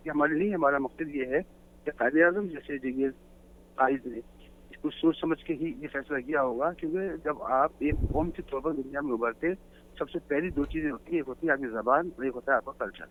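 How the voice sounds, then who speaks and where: A man's voice: a little high, slight background noise. A man calling in to a talk show, explaining his views earnestly in a lecturing way. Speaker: guest caller. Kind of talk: phone-in talk show discussion. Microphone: telephone. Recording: tinny phone line.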